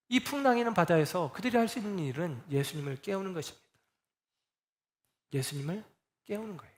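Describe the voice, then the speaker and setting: Man preaching with rising, questioning emphasis. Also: a little high. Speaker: pastor. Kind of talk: sermon.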